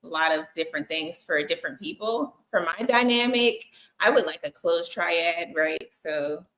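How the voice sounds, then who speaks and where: A woman's voice: lowish voice, lively intonation, moderate pace, fairly bright tone, poor audio. A woman, teasing and blunt in a casual podcast chat.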